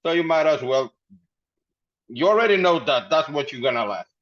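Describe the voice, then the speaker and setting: This podcast guest, a male company founder, has a slightly high, somewhat bright voice with lively intonation and a moderate pace. He tells his story in a relaxed interview, wandering off on tangents and laughing frequently. Audio quality is dull and lo-fi.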